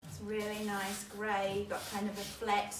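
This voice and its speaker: A young New Zealand-accented presenter at a baby store shows a stroller, her medium-pitched delivery completely flat at a moderate pace. She chats casually with many ums. Captured from a distance on a camera mic, the audio is roomy and loud with background noise.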